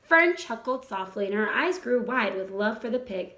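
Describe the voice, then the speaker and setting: A woman with a high-pitched, animated voice reads a children's storybook aloud at normal speed, narrating expressively. The recording has a roomy echo.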